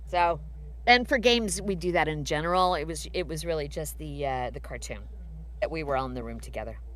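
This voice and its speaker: This deep-voiced woman talks briskly while fielding fan questions as a voice actress guest in a casual live Q&A. She tells warm, chatty stories and leans heavily on fillers.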